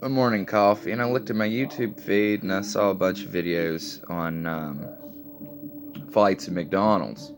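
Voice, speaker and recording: A man in his late twenties with a low, deep voice tells a personal story in a loose, rambling vlog style. He swears freely and leans on fillers as he goes. Music plays clearly behind his voice. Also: steady tone, measured pace. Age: late 20s. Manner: rambling, profane, full of fillers. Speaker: vlogger telling a personal story. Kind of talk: casual spoken storytelling. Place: sitting at home with coffee and a cigarette.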